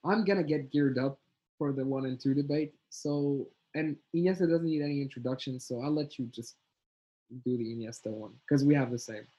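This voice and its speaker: A man co-hosting a casual football chat, animated and slangy, often talking over his partner. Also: medium pitch, a little fast, lo-fi sound. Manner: animated, swears, says "bro", talks over his partner. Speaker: podcast co-host.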